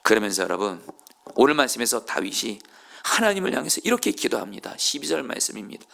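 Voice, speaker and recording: Gravelly, bright-toned male preacher. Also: mid-range voice, very animated, fast talker. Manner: swings from hushed near-whispers to loud impassioned preaching; storytelling, addresses the congregation directly. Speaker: pastor. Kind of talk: sermon. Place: church, Friday evening service.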